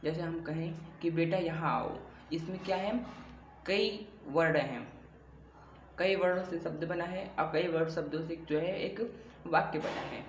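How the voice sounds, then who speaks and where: A man teaching a grammar lesson, explaining slowly and repeating himself, often asking a question before he answers it. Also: on the high side, muffled recording. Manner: slow, repetitive explaining with rhetorical questions. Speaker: Hindi teacher. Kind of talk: classroom-style grammar lesson. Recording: echoey room with faint background hum.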